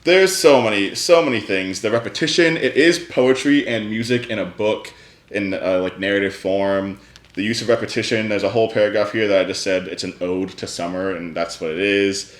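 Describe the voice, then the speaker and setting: A man's voice: lowish voice, moderate pace. A man chatting casually and with enthusiasm about books he read, with many fillers. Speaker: book vlogger, co-host. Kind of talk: casual book chat. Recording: echoey room.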